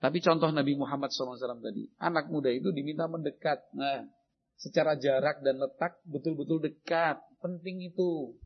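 Man, preacher, high voice, gravelly, husky, dull lo-fi sound. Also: brisk. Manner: animated, acts out shouted parent and child exchanges. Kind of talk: Islamic parenting sermon. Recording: dull lo-fi recording.

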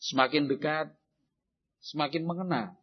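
A man preaches on raising children in a high, husky voice that has a gravelly edge. He lively acts out parents and children calling to each other. The recording is dull and lo-fi. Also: moderate pace. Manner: animated, acts out shouted parent and child exchanges. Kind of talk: Islamic parenting sermon.

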